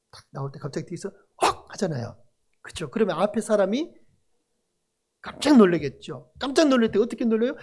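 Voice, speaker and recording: Pastor, male, high and very expressive pitch, sermon with call-and-response. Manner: animated preaching with call-and-response to the congregation. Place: church sanctuary.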